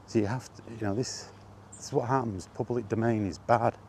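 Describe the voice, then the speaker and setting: A vlogger out on a walk speaks at medium pitch with fairly even intonation, a little fast and mellow, over a little hiss or hum. His casual monologue rambles and corrects itself as he grows exasperated with his point.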